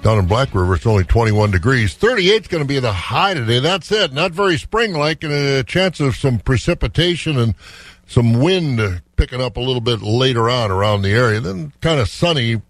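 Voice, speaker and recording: A man's voice: mid-range voice, expressive, moderate pace, dry recording. An American man hosting morning farm radio, reading weather and market prices in a folksy, conversational way. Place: radio studio.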